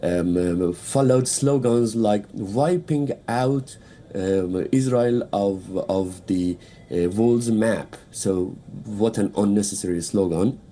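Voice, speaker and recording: In a voice on the low side and warm in tone, a man from Iran gives a live news interview in Persian-accented English, with slight background noise. As a political analyst, he stumbles through it with many fillers and restarts.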